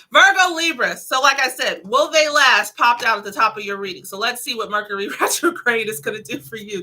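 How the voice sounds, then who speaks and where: A woman's voice: medium pitch, bright, forceful tone, breathy edge. A woman giving a casual live tarot reading, chatty and giggly, calling her viewers "honey loves.". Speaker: tarot reader.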